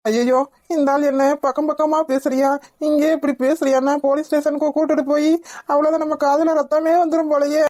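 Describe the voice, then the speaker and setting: A woman's voice: sits high, little pitch movement, brisk, darkish tone, pitched above the performer's own voice, lightly acted. A woman voicing a cowardly young male kidnapper in a cartoon, muttering in a whiny panic. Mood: panicky.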